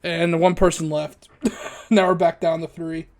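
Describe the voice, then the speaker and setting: A man's voice: fairly high pitch, flat delivery, normal speed, a little mellow. A young man streaming and narrating a game, jokey and laughing often while directing his friends. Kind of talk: casual chat while voice-acting a game.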